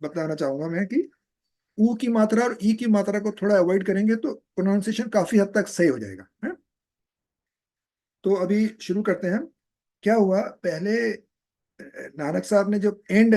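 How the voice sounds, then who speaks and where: A man's voice: high voice, warm tone. A man explaining a sacred text in a live class, patient and often checking that his students follow. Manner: patient, keeps asking "है?" to check understanding. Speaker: teacher of scripture. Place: online live session. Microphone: video call.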